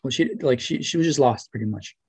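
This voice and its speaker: A man's voice: mid-range voice, brisk, breathy edge. A young man speaks earnestly into a laptop mic from a small room at home. He talks casually and gratefully, with plenty of filler words. The sound is dry and close, with no room echo. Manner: earnest, grateful, many fillers like "you know" and "right". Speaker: interview guest, former student. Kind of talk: video call interview, casual. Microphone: webcam or laptop mic on video call.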